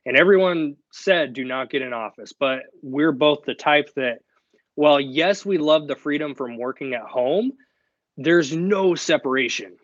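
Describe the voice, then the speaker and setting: Unhurried and a little high-pitched, a young man fields a live online Q&A stream in a direct, casual way, filling his chat with fillers. The sound is lo-fi, without echo.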